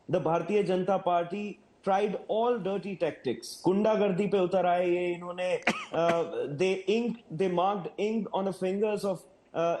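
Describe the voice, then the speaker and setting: A man's voice: high voice, darkish tone. A man with a North Indian accent arguing accusingly as a party panelist, mixing English and Hindi in an echoey room. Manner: accusatory, interjecting.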